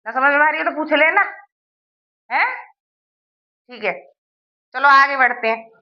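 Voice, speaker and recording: A woman's voice: high-pitched, a little slow, dull audio. A woman teaching a grammar lesson, asking her students questions and answering them herself, checking that they follow.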